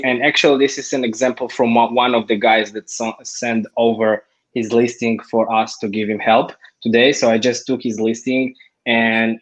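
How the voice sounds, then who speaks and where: A man joins an online call as a guest, talking casually and in a friendly way. He restarts his words now and then and laughs easily. His voice is of middle pitch.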